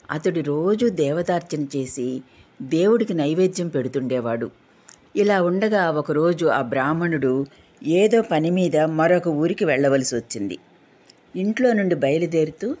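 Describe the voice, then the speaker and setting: Woman storyteller, low husky voice, steady scripted devotional narration.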